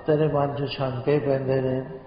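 A man giving a spiritual sermon, slipping into slow sung lines as he explains. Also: medium pitch, flat delivery. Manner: slow chanting of sacred lines within speech. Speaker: Sikh preacher. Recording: echoey hall, muffled lo-fi sound.

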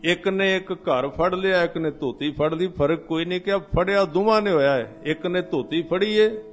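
A man preaching a scripture sermon to a congregation, explaining hymn lines one by one and chanting the verses slowly. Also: high voice, faint music behind. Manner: addresses a congregation directly. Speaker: Sikh preacher.

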